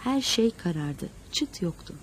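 A woman narrating a novel in an expressive storytelling manner. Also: mid-range voice, a little slow, a little hiss or hum. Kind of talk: scripted audiobook narration.

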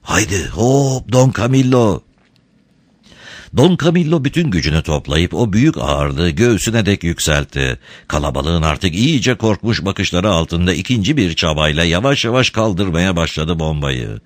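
A man with a very deep voice reads a story aloud, his pitch rising and falling with a lively, dramatic lilt. The recording is close and dry, with no echo. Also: normal speed, few pauses. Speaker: narrator. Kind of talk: storybook reading.

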